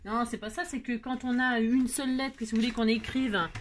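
A woman's voice: a little high, steady tone, brisk, slight background noise. A woman hosting a scrapbooking tutorial, chatting playfully with her viewers and rambling to herself while she works. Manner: talks to herself while working, frequent filler words. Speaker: crafting channel host.

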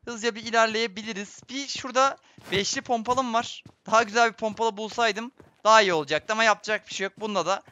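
A young gaming streamer comments live on his own gameplay, muttering his plans and then bursting out in frustration, excitably swinging between the two while constantly addressing viewers. He talks fast in a high voice with hardly any pauses, and the sound is lo-fi.

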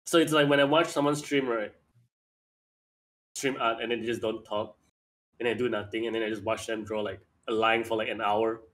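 A man's voice: lowish voice, steady tone, a little fast, a bit bright. A man chatting casually on a podcast, complaining bluntly and swearing. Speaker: art streamer and podcast co-host.

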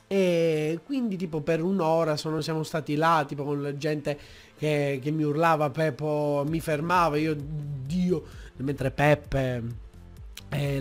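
A young man, telling a story on his vlog from a desk mic at home, acting out shouting fans. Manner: animated, acts out shouting fans in high yells. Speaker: YouTuber. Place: room at home. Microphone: desk mic with pop filter.

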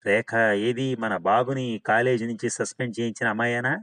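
A man's voice: medium pitch, fairly even intonation, moderate pace, voice pushed up, natural voice. A man reading a caring old house servant. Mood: concerned. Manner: gentle, concerned, deferential.

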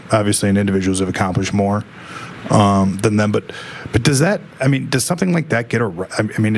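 Rambling reporter with a gravelly voice. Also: male voice, fairly low pitch, slight background noise. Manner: rambling questions full of restarts. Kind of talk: press conference questions.

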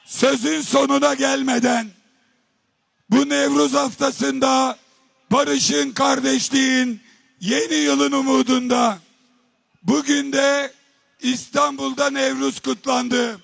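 Gravelly man shouting at a podium mic. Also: very high-pitched, flat delivery, no room sound, faint music behind. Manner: slow, emphatic shouted oratory. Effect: speaking into a podium microphone at a rally. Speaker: politician addressing a rally. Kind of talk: rally speech. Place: open public square. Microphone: podium microphone.

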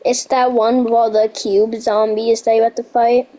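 A young woman with a stuffy nose from a cold, chatting excitedly over gameplay and stumbling while reading text aloud. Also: a little high, slight background noise, poor audio. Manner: excitable, reads on-screen text aloud haltingly. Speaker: gaming youtuber. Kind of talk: casual gameplay commentary.

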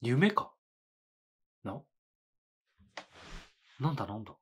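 Speaking slowly, this anime reaction channel host, a man in his thirties, muses aloud in a small indoor studio, dropping short reactions and laughs. His medium-pitched voice is very animated with a slightly rough texture. It's casual reaction commentary.

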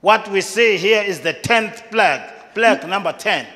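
A middle-aged male pastor with a high, bright voice preaches into a handheld mic in a large church hall. He speaks in short, repeated phrases and leaves pauses for an interpreter. The hall adds a long, ringing reverb. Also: lively intonation. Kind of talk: sermon with prayer, paused for interpreter.

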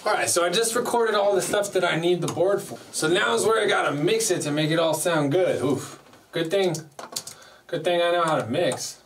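A man's voice: high-pitched, normal speed. Playful man, distant mic. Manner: playful, chatty, jokes at himself. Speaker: music producer. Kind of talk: casual studio vlog. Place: home recording studio with mixing desk. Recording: distant mic, faint background noise.

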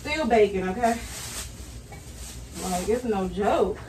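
Unpacking grocery bags indoors in her home kitchen, a hot, sweaty young mother chats to y'all for her haul vlog. Her mid-range voice has lively intonation and a slow pace, and the noisy room is heard through a camera mic sitting at a distance on the counter.

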